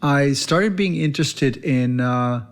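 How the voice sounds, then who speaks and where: A man's voice: mid-range voice, slow. A man, a veterinarian hosting his own podcast, earnestly telling his life story in a reflective monologue. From Czech Republic. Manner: earnest and reflective, with some non-native phrasing.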